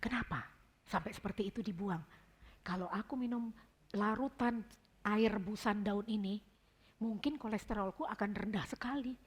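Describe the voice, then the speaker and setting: A woman's voice: medium pitch, moderate pace, long pauses, husky. A woman giving an informal devotional talk at a prayer gathering, chatty and telling personal stories as she addresses her listeners affectionately. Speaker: devotional speaker.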